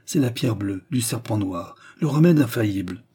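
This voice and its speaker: Pleading nobleman, fervent bursts, mellow dark voice, read by a man. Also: medium pitch, animated, normal speed, husky. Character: tender, passionate nobleman, a marquis.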